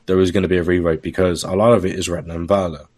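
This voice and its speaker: A man's voice: low-pitched, flat delivery, rapid-fire, darkish tone. A man talking casually as a podcast guest, candid and joking, laughing often at his own remarks. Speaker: guest software developer.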